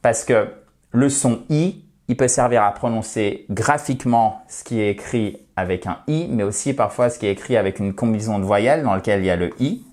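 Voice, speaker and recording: A man whose first language is French, teaching an English pronunciation lesson and demonstrating words with careful, drawn-out stress. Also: fairly low pitch, a little mellow.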